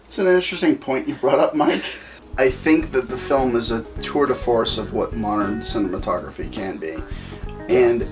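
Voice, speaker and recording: A man's voice: mid-range voice, normal speed, faint music behind. A man giving an earnest, wordy opinion in a casual film review chat. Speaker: film review show co-host.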